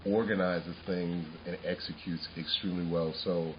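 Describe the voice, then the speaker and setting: A man co-hosting a casual podcast chat, animated and laughing often, restarting his sentences as he goes. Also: deep voice, moderate pace, dull audio, slight background noise. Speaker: podcast co-host.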